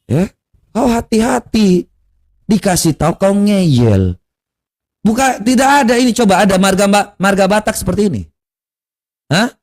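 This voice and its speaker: A man with a notably high voice delivers a heated social media rant. He scolds and taunts, firing off rhetorical questions and letting out mocking laughs as he goes. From Kupang, East Nusa Tenggara, Indonesia. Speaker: online religious commentator.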